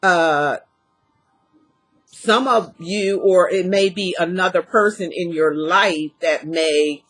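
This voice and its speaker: A woman's voice: lowish voice, takes it slowly, fairly bright tone, faint music behind, low-quality recording. A woman giving a casual tarot reading in a folksy, rambling way, her speech slightly impeded by a dental retainer. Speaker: tarot reader.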